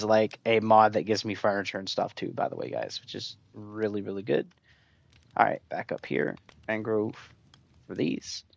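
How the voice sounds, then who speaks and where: A man's voice: lowish voice, vocal fry, dry recording. A man streaming a video game, rambling casually and chatting with his viewers as he plays. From United States. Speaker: gaming streamer. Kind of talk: casual gameplay commentary.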